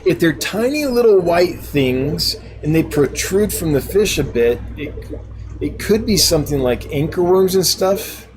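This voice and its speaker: A man's voice: mid-range voice, slight background noise, poor audio. A man hosting a casual live stream, reading out viewer comments and answering them in a chatty, laughing, self-deprecating way. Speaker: live stream host and fish seller.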